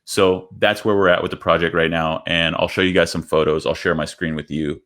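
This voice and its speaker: A man with a very deep, low voice co-hosts a podcast, chatting casually over a video call. He tells his story in a relaxed, rambling way and fills his sentences with ums and restarts. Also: a little fast. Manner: relaxed and rambling, with many fillers. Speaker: podcast co-host.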